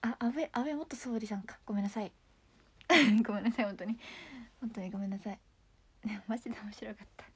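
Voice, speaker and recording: A woman's voice: medium pitch, brisk, breathy edge. A young woman idol chatting casually on a livestream, giggling often as she reacts to comments. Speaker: idol streamer.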